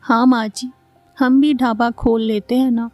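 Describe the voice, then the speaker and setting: Woman voicing a theatrical mother-in-law, scheming, exasperated, high-ish voice, faint music behind. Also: level tone, a little slow, warm tone, dry recording, lightly acted.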